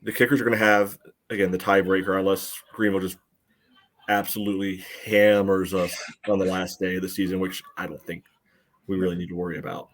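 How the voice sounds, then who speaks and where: A man co-hosts a soccer podcast, working through analysis in a casual, dry, wry manner. His voice is deep and his tone level, and he speaks a little fast.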